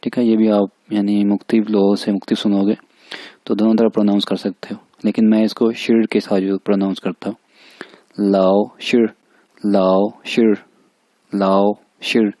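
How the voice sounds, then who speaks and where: Slow, repetitive male teacher. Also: fairly low pitch, level tone, mellow, no room sound. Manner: slow drilled repetition of words. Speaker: language teacher. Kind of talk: recorded lecture over slides.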